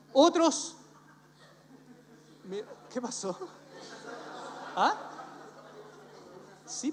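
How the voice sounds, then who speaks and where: Pastor, man, high voice, playful storyteller; church hall reverb. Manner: animated storytelling, jokes, acts out voices. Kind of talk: humorous sermon.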